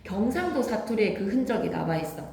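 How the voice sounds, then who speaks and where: A woman's voice: mid-range voice, sing-song, a little fast, creaky, warm tone, echoey room. A woman teacher giving an emphatic classroom grammar lecture, quizzing her students with questions as she goes.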